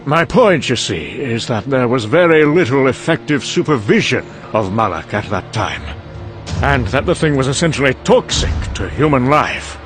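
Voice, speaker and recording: Over background music, a man with a medium-pitched, very animated voice lightly acts the part of a cynical, sardonic British scientist briefing an American colleague for a motion comic. At normal speed, he delivers a dry, weary dramatic monologue full of trailing asides.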